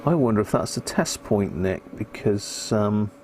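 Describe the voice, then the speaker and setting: Unhurried and a little mellow, this British man's lowish voice has lively intonation as he gives casual live commentary on his radio-repair hobby stream. He mutters and thinks aloud while working, and a little hiss or hum is audible.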